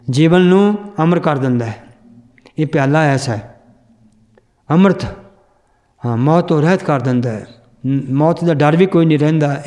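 Male scripture teacher, slightly high voice, patient, drills pronunciation and chants verses. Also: dark tone.

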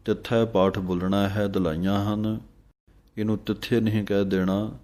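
A man teaching scripture pronunciation, reciting verses slowly and deliberately, then explaining each letter and vowel mark. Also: lowish voice, level tone, mellow. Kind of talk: pronunciation lesson with slow drawn-out recitation.

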